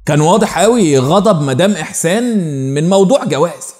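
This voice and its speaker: A man's voice: sits high, lively intonation, fast talker, a little mellow. A man with an Egyptian accent narrating a dramatic story in the first person. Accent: Egyptian Arabic. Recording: long reverb.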